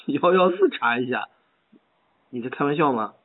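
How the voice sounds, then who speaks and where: A man's voice: mid-range voice, huge pitch swings, slow, breathy edge. Furious man arguing over a tinny phone line. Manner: angry, stammering, repeats himself insistently. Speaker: caller complaining by phone. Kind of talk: heated phone argument.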